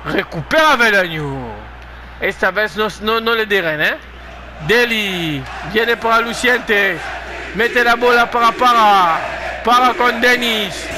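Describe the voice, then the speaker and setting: A man giving excited play-by-play football commentary of a video game match, given to shouted, repeated goal calls. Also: high voice, slow, a crowd in the background, noisy background.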